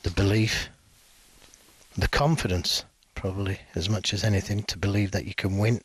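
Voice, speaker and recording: A man giving hushed live snooker commentary in a measured, analytical and understated way. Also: fairly low pitch, fairly even intonation, slightly rough, no room sound.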